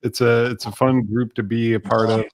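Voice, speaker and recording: A man's voice: mid-range voice, little pitch movement, moderate pace, no echo. A man hosting a talk show in a casual, hesitant way, often chuckling. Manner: hesitant, many fillers, chuckles. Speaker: show host.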